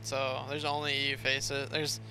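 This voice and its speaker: A man's voice: medium pitch, completely flat delivery, moderate pace. A man streaming a game, joking and bickering with his teammates in voice chat. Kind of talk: gaming voice chat. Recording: noisy game audio behind.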